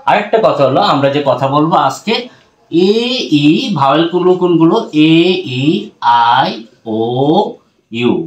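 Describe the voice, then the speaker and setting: A man with a Bangladeshi accent and a somewhat high voice gives a grammar lesson. He keeps asking his viewers questions and then answers them himself. He says the example words over slowly and clearly. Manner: mixes English phrases into his talk. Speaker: English teacher.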